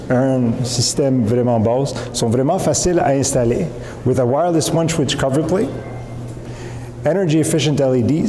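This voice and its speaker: A man from Montreal with a Quebec French accent, informally pitching his new company's product, with many fillers and restarts and English terms mixed in. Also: mellow, a little hiss or hum. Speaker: company founder. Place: event hall. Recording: echoey hall with faint ambience.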